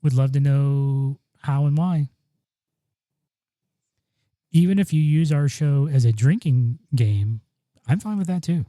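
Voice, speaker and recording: Speaking slowly and pausing often, a podcast co-host rambles casually with plenty of ums and restarts into a broadcast dynamic studio mic. His voice is mid-range and dark-toned, and the recording is dry.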